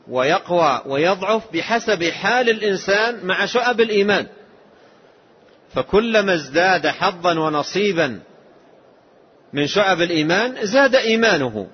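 A man giving a slow, measured religious lesson, explaining a text line by line. His voice is husky. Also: high voice. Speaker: Islamic scholar. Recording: dull lo-fi lesson tape.

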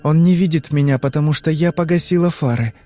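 A man voicing a frightened young woman under hypnosis, answering in anxious, halting phrases. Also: on the high side, mellow, faint music behind, pitched above the performer's own voice, natural voice. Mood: tense.

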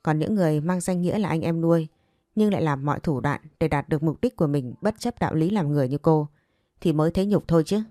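A woman voicing a composed young wife with a sharp tongue who cuts her rival down, in a narrated story. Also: low voice, quick pace, no room sound, clean studio sound, faint music behind, natural voice. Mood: cool. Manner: cool and cutting.

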